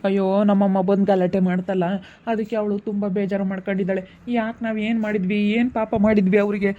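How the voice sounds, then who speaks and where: A woman playing a fast-talking reassuring sister-in-law. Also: mid-range voice, flat delivery, narrow, tinny audio, natural voice. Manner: quick, reassuring.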